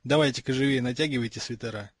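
A man reading the lines of a brisk, confident schoolboy wizard in an audiobook, in a slightly husky voice with an offhand manner. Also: medium pitch, no room sound, close to an everyday voice.

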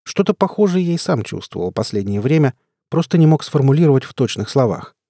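A man narrating an audiobook in the first person, telling the story in a steady way. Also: medium pitch, a little fast, no room sound, clean studio sound. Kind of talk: scripted narration.

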